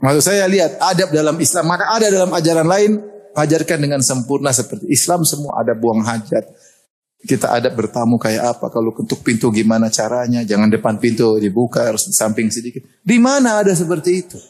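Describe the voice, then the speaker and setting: A middle-aged man giving a lively sermon, joking and laughing often. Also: mid-range voice, brisk, breathy edge. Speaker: Islamic preacher.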